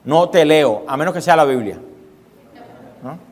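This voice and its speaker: A male pastor delivers an emphatic sermon in a slightly high voice, repeating key phrases and throwing rhetorical questions to his listeners. His words ring out with the long reverb of a church hall. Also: animated, measured pace.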